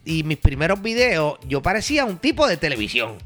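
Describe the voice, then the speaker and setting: A Puerto Rican man speaking as a guest in a relaxed chat, his voice pitched a little high. He tells his stories steadily and thinks out loud as he goes. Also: brisk, faint music behind. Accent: Puerto Rican Spanish. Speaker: guest, TV comedian turned YouTuber. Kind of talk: casual interview chat.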